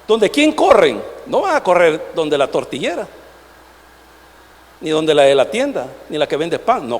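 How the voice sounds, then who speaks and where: A man delivers a sermon in a church, his high voice rising and falling as he puts questions to the congregation. His voice swings widely in pitch. A long reverb from the sanctuary trails every phrase. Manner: animated preaching, rhetorical questions to the congregation. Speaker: pastor.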